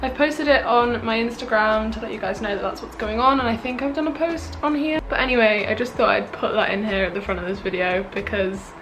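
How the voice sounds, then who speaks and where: A young woman with a slightly high voice chats through a casual tour of her small flat. She sounds a little tired and unwell, with plenty of fillers as she points things out. It is filmed indoors on a handheld camera. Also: a little fast, few pauses, background noise. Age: young adult. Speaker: vlogger. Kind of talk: casual room tour vlog.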